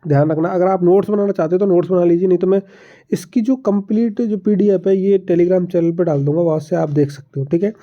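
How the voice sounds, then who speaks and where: A man's voice: sits high, steady tone, fairly quick. A man, teaching an exam-prep lesson. He explains each point, then asks his own questions and answers them. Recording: dull lo-fi audio.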